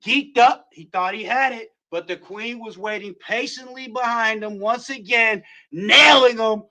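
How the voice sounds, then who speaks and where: High bright-voiced excitable wrestling host. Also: male voice, unhurried. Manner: excitable, builds to shouts on near-falls. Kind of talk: play-by-play recap commentary.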